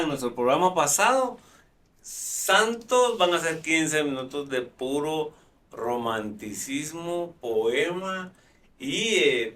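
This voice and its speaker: A man hosts a live talk show, chatting with plenty of fillers and restarts. His voice is a little high and a bit bright. The recording sounds roomy, as if the mic were far away.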